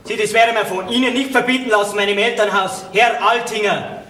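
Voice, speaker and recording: Young bavarian fellow, righteous and teasing, high voice, echoey stage. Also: male voice, fairly even intonation, brisk, bright, forceful tone, slight background noise. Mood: indignant. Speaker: stage actor. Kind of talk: folk theater comedy acting.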